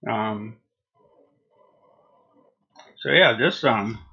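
A man in his forties talks casually through a review at an unhurried, slow pace. He is laid-back and hesitant, letting phrases trail off. The sound is dull and lo-fi, captured on a basic mic in a small home room. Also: on the low side, expressive, gravelly, bright, forceful tone. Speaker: product reviewer. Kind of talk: casual unscripted video review.

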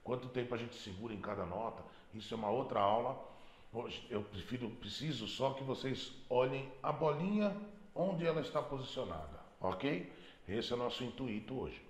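A man's voice: mid-range voice, animated, normal speed, roomy sound. A man teaching a beginner piano lesson, explaining patiently and singing out note names as he plays. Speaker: music teacher.

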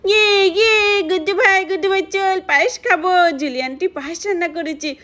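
A woman voicing excited young boys in a doll story. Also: very high-pitched, moderate pace, pitched above the performer's own voice. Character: boy children, excited and eager.

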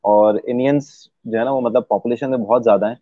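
A man from Pakistan, a guest in an interview, explaining things at length and pausing often on drawn-out fillers. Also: medium pitch, fairly even intonation, dry recording. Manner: hesitant, many drawn-out fillers. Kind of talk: explanatory conversation. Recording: dry, tinny phone-like sound.

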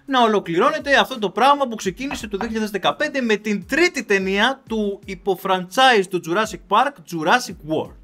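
A man's voice: sits high, lively intonation, few pauses, pushed and bright. A man hosting a comedic film review, talking in a sarcastic, mock-dramatic way.

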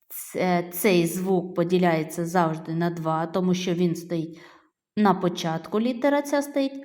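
A middle-aged woman teaching young children a phonics lesson, patiently drawing out each word as she sounds it. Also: lowish voice. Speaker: primary school teacher. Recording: echoey room with long reverb.

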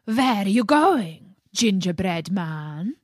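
A woman's voice: medium pitch, sing-song, takes it slowly, no room sound, studio quality. A woman voicing a snarling wolf. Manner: snarling, drawn out. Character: snarling hungry male wolf.

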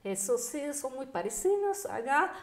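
A woman in her thirties with a Mexican Spanish accent tells personal stories emphatically as a podcast guest in a conversational interview. Her high-pitched voice is very animated and a little slow. She's in an indoor dining room with an echo, speaking into a podcast mic on a table stand.

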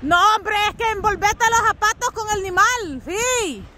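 A woman vlogging outdoors in the snow, shouting encouragement, laughing and teasing her family. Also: very high voice, animated, measured pace, slight background noise. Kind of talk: casual outdoor vlog chatter.

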